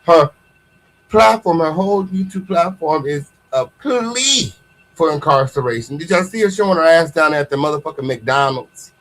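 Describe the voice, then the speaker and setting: An American man hosts a casual online gossip show in a voice pitched a little high for a man. His delivery is sassy and full of slang. He leans on repeated phrases to drive his points home. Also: lively intonation, normal speed, fairly bright tone, poor audio. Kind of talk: casual livestream gossip commentary.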